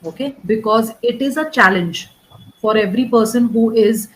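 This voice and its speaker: A woman coaching a student in spoken English, one-on-one. Her voice sits a little high and stays patient and measured. She corrects mistakes step by step and keeps checking in with short questions. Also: rough recording. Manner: patient, often checks understanding with "right?" and "correct?"; corrects grammar and pronunciation step by step. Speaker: English speaking tutor.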